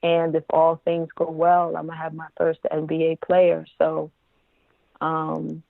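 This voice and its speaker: Calm, even-toned woman on a tinny line. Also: sits low, unhurried, gravelly, dry recording. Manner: calm, even, self-described monotone. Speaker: guest, music marketer. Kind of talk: casual interview chat.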